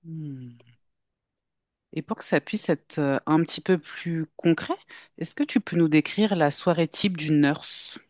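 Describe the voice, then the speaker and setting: Low-voiced woman hosting a podcast. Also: a little slow, a little mellow, no room sound, studio quality. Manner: formal, welcoming questioning. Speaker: podcast host. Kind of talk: interview hosting.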